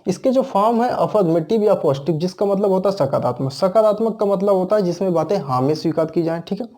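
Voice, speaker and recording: Mellow-voiced man teaching grammar. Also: high voice, animated, fast talker. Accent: Indian. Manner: explains step by step, asks and answers his own questions. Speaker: English teacher. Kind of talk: classroom grammar lesson.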